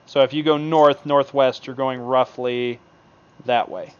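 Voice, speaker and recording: A man's voice: medium pitch, steady tone, unhurried, clear, resonant tone. A man narrating a tabletop game as game master, in a loose, improvised way with many fillers. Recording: dull lo-fi mic.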